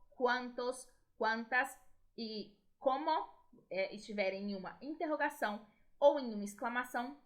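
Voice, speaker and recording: Woman, Brazilian Portuguese accent, Spanish teacher, video lesson, high voice, explanatory. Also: a bit bright. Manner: explanatory, tag questions to students.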